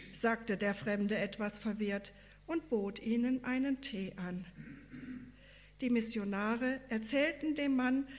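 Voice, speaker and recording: Slow, calm woman reading a story. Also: fairly high pitch. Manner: calm, measured, earnest. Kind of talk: reading a devotional story aloud.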